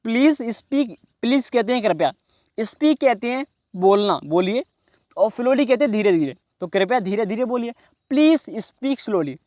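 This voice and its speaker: A man teaching in a class, explaining slowly and repeating each phrase. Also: very high-pitched, animated, darkish tone, no room sound, studio quality. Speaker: English teacher. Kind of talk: classroom lesson.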